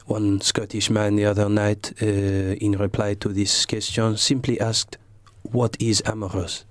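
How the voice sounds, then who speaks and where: A man playing an aloof, pompous French gentleman, speaking with a French accent in a deadpan, languid way. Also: fairly low pitch, unhurried, dry recording, close to an everyday voice. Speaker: comedian guest. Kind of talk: in-character comic interview.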